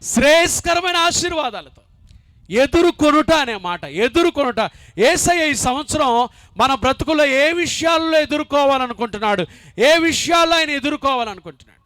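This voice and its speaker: Male pastor, very high bright voice, dry close sound, emphatic sermon delivery with repetition. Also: animated, normal speed, dry recording. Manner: emphatic preaching with repeated phrases and rising shouts; acts out dialogue in a story.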